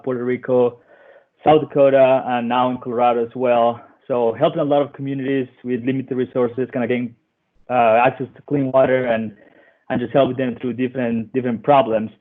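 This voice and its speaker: A man from Colombia introduces himself on a virtual panel in a flat, even voice. His pitch is average for a man and barely moves. The audio is thin and tinny, like a phone line. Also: brisk. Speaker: roundtable panelist, bridge engineer. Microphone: computer mic on a video call.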